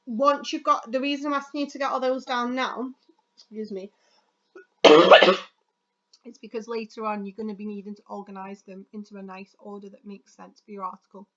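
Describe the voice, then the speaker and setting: A woman's voice: fairly high pitch, a bit bright. Chatty woman teacher, lo-fi sound. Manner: chatty, quick, self-correcting, pauses with ums. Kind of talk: recorded classroom lesson. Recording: dull lo-fi sound.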